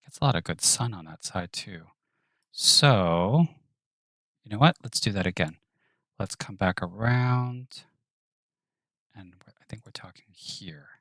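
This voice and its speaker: Low-voiced man muttering through his work. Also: lively intonation, unhurried, pauses often, fairly bright tone, no room sound. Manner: thinks aloud, muttering and whispering to himself. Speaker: 3D artist streaming his work. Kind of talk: live-stream narration of work.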